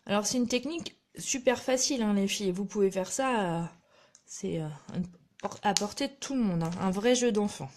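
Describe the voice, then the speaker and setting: Speaking at normal speed in a medium-pitched, slightly mellow voice, a craft demonstrator chats directly with viewers during a live tutorial. She often apologizes for minor mistakes in a self-deprecating way.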